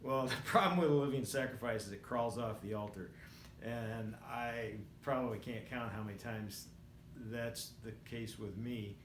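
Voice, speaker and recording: A man in his sixties speaks at an average pitch, vlogging casually to camera as he tells personal stories. His delivery is reflective and rambling, halting at times while he gathers his thoughts. The recording is roomy and echoing, with faint noise.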